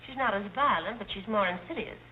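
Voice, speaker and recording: A tinny, hissy old movie track holds an actress as a wisecracking maid. She fires off screwball comedy banter quickly, wry and sarcastic with a deadpan edge. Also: medium pitch, lightly acted. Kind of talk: 1930s film screwball comedy acting. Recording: thin tinny old film soundtrack, hiss.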